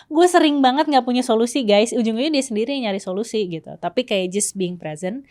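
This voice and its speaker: A woman's voice: on the high side, quick pace, a little mellow. Woman mixing in English. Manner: mixes English phrases, laughs often. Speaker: relationship coach co-host. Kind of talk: casual conversation.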